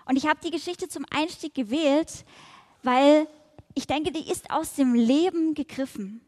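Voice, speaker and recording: A woman reading a children's story aloud and then reflecting on it in a gentle, measured way, in a large hall. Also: high-pitched.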